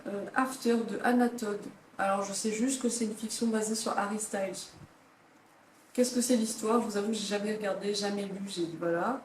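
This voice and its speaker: A woman's voice: medium pitch, a little hiss or hum. Chatty young Frenchwoman in an echoey room. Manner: chatty, dramatic reactions, reads blurbs aloud. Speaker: book vlogger. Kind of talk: casual book ranking chat. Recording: echoey room, faint ambience.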